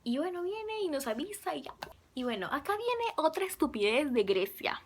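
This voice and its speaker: A young woman casually telling a fan story to camera, chatty and excitable, sometimes dropping to a whisper. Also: high voice, moderate pace, slight background noise. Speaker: fan vlogger.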